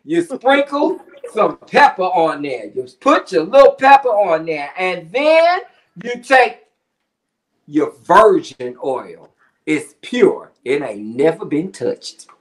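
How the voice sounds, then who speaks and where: His voice sits high with big pitch swings, and he takes things slowly. A middle-aged man competing on a cooking show, he demonstrates a recipe from his home kitchen over a webcam video call, joking and peppering it with slang and puns.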